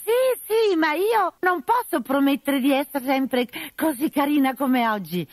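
A woman doing a shrill simpering fake lady. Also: expressive, unhurried, no room sound. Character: male servant disguised as a fussy lady.

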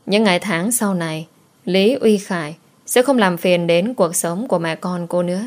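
A woman narrating an audiobook story in a soft, emotional reading voice. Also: lowish voice, moderate pace.

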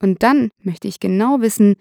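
A woman's voice: mid-range voice, normal speed, gravelly, dark tone, dry recording, studio quality, lightly acted. A woman reading the part of a stern middle-aged male police detective who asks firm, probing questions.

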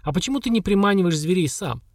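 A man's voice: high-pitched, lively intonation, quick pace, darkish tone, no echo, studio quality, pitched above the performer's own voice. A man voicing a confident young hero with an ironic, questioning, grumbling manner. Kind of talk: audiobook character voice.

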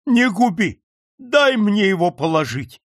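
A man's voice: sits high, big pitch swings, unhurried, a bit bright, no echo, studio quality, voice pushed up, heavily acted. A man reading an audiobook, voicing a desperate male merchant who begs and wails for mercy. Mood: pleading. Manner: wailing, begging.

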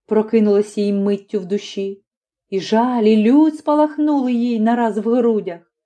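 A woman reading a classic story aloud as an audiobook narrator, in a measured and expressive way. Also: fairly high pitch.

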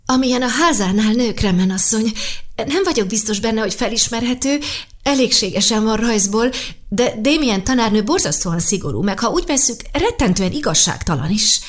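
High-pitched and bouncing, this is a bold, bubbly little girl, as a woman reads her, all eagerness and quick excitement. Her voice leaps up and down freely, full of storybook energy. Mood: eager.

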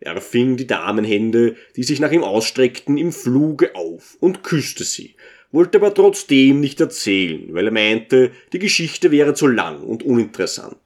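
A man calmly reading a classic novel aloud as an audiobook narrator. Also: mid-range voice, a little slow. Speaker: audiobook reader.

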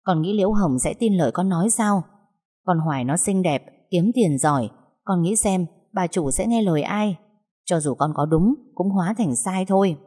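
A woman's voice: on the low side, lively intonation, normal speed, dark tone, breathy edge. A woman voicing a protective, motherly older kitchen aunt who comforts and scolds by turns, in a storybook reading. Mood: firm. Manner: soothing, then firm and scolding. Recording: long hall reverb.

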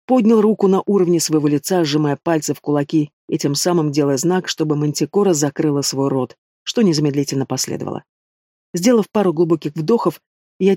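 A man's voice: fairly high pitch, warm tone, no room sound. Dry-voiced male audiobook narrator. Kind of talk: scripted narration.

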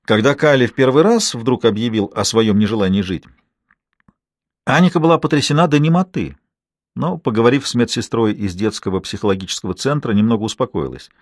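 A man narrating a novel in a measured, even reading. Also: mid-range voice, no room sound, studio quality. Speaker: audiobook narrator. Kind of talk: scripted narration.

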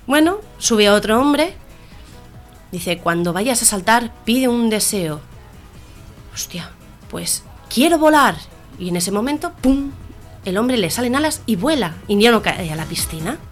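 A woman's voice: medium pitch, unhurried, soft background music. Female radio comedy co-host, casual joke-telling, acts out each character's lines. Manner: animated storyteller, voices the characters in her jokes.

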